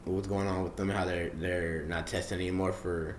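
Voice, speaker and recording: A man's voice: low voice, flat delivery, moderate pace. A young man in casual chat as a podcast co-host, rambling with many fillers and restarts. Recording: roomy echo, faint background noise.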